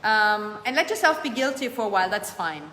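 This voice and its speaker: A woman's voice: mid-range voice, animated, a little fast, bright, forceful tone, a little hiss or hum. A woman hosting a live coaching show, answering viewer comments and urging them on with emphatic, repeated phrases. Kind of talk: motivational live-stream coaching. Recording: echoey room with long reverb, faint ambience.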